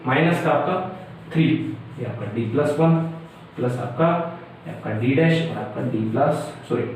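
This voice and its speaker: A man's voice: medium pitch, normal speed, a little mellow, slight background noise. Man lecturing in a very echoey room. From India. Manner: talks through each step, many fillers and checks. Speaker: math lecturer. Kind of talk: informal board lecture. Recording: echoey room, mic far off.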